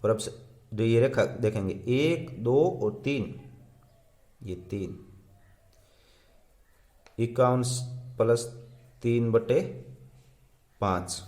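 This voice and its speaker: A man's voice: mid-range voice, slow, long pauses, a little mellow. A man teaching a primary school math lesson, counting aloud and repeating each step.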